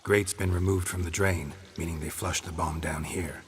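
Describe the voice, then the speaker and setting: An actor voicing Geralt, a gruff middle-aged male monster hunter in a video game, speaking in terse, dry, clipped lines over game music. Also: deep voice, fairly even intonation, moderate pace, slight background noise, natural voice.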